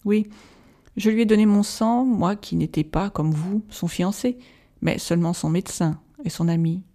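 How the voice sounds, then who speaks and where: A grave old professor , read by an audiobook narrator, speaks with solemn, measured patience. His tone is dark and mellow, heavy with duty and sorrow. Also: medium pitch, natural voice. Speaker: audiobook reader.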